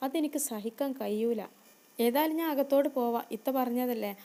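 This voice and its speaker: A woman's voice: fairly high pitch, a little fast, dark tone, natural voice. A woman playing a hot-tempered but caring younger brother who talks earnestly and firmly. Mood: indignant. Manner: earnest, pleading and firm.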